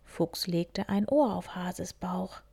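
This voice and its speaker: A woman's voice: fairly low pitch, slow pace, creaky, husky. Woman whispering a children's story. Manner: soft whispered reading. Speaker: reader.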